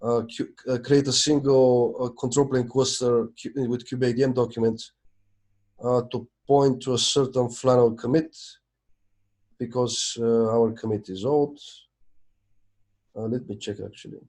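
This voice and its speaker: A man's voice: medium pitch, fairly even intonation, a little slow, a little mellow. A man talking casually on a video call during a technical meeting, thinking aloud as he checks documents. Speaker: project maintainer in a video meeting.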